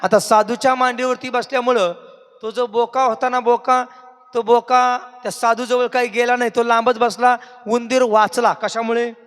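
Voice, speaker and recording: Preacher, high and bright, call-and-response, hall reverb. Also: male voice. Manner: questioning the audience, singsong. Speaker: kirtan preacher. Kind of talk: devotional sermon with call-and-response.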